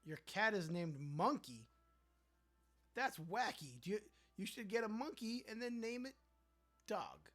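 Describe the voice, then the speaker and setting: A young man hosts a casual livestream, reading viewer comments aloud and playfully joking about them. His voice sits high and sing-song, with a fairly bright tone, a slightly slow pace, and long pauses.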